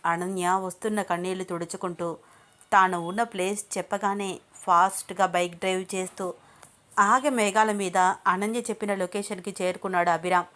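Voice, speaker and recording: A woman's voice: medium pitch, steady tone, normal speed, fairly bright tone. Woman narrating a dramatic love story. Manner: emotive, flowing storytelling.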